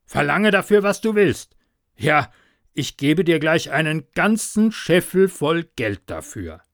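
A man voicing a boisterous, superstitious farmer who is easily fooled, speaking loudly and excitably in a dry recording. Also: on the high side, measured pace, no room sound, voice pushed up. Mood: excited.

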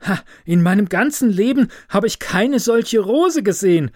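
A man voicing an impulsive, self-absorbed young student in a fairy tale, with loud, excited exclamations. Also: a little high, a little slow, no room sound, studio quality.

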